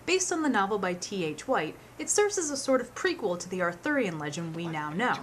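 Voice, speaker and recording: A woman's voice: medium pitch, big pitch swings, a little fast, a little hiss or hum. A woman presenting a scripted film countdown with wry, playful asides.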